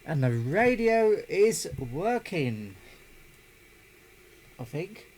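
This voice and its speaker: The middle-aged hobbyist presenter sounds high-pitched, very animated and a little mellow, and he talks very slowly. He chats casually and mutters to himself during his hands-on CB radio unboxing, and background noise can be clearly heard.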